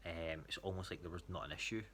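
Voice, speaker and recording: A Scottish athlete gives his coach a casual spoken training check-in, hesitant and rambling. His voice is deep, with flat delivery, a quick pace and a sharp tone, and there's a little hiss or hum on the recording.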